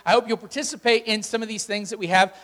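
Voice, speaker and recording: In a large church room with a PA, a man speaking as a pastor gives informal welcomes and announcements, talking to his congregation directly and conversationally. His voice is high and fairly bright, quick and fairly even in intonation. Hall reverb and background music fill the recording.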